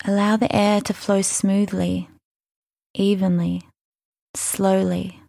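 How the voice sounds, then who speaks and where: Slow, creaky-soft woman guiding meditation. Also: medium pitch, level tone, no room sound, studio quality. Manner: soothing, unhurried, gentle instruction with long pauses. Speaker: meditation guide. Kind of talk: guided mindfulness meditation.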